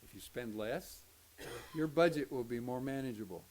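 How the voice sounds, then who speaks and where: With a mid-range, slightly mellow voice at a moderate pace, an older Oklahoma pastor gives a folksy Sunday school lesson in a Southern accent. He tells jokes and dramatizes quotes in different voices. A little background noise can be heard.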